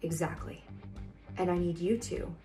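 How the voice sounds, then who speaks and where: A woman acting out a parody of a medical drama, switching between urgent shouted orders and hushed, earnest lines. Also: lowish voice, faint music behind. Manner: rapid melodramatic delivery, shifting between shouting and hushed tones. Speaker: sketch comedian playing every doctor.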